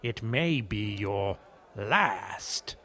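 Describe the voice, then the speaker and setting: A creepy butler, formal and ominous. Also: male voice, lowish voice, animated, very slow, sharp tone, slight background noise, exaggerated voice. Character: creepy, gloomy male butler serving ghoulish brews. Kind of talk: scripted audio comedy acting.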